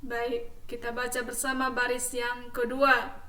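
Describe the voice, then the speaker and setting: A woman Quran teacher leading a class, explaining slowly and patiently and chanting verses in a melodic recitation for pupils to repeat. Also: fairly high pitch, completely flat delivery, bright, forceful tone, roomy sound, distant mic.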